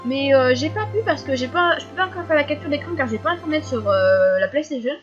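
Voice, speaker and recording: Chatty high-voiced teenage girl vlogger. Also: lively intonation, muffled recording, soft background music. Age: teens. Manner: fast, chatty, giggly, lots of fillers. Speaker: youtuber answering viewer questions. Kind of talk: casual FAQ vlog.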